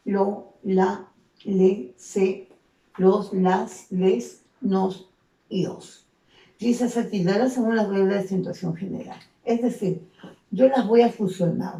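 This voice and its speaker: A woman's voice: mid-range voice, vocal fry, warm tone, distant mic. A woman teaching a secondary school grammar lesson, explaining patiently and checking in with frequent tag questions. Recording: echoey room, voice off the mic.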